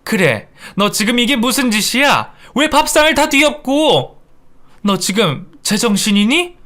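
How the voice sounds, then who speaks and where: Man voicing a middle-aged mother-in-law, radio drama, sharp scolding, high, swinging pitch. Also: expressive, normal speed. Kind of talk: Korean radio drama acting.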